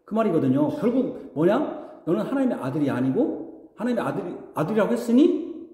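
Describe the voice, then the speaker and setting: A man's voice: high-pitched, sing-song, fairly quick, dark tone. A man preaching a sermon as pastor. He talks conversationally, puts questions to the congregation and acts out mocking voices. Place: church sanctuary. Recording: echoey hall reverb.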